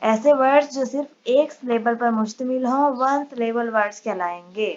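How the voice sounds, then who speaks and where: A woman teaching an English lesson, explaining patiently step by step and reading English definitions slowly. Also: on the high side, darkish tone, dull audio.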